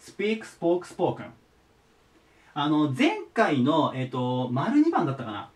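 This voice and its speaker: A man's voice: fairly high pitch, huge pitch swings, slow pace, recorded from a distance. A man teaching English verbs to students, patiently repeating each word form. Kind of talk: explaining English vocabulary to students.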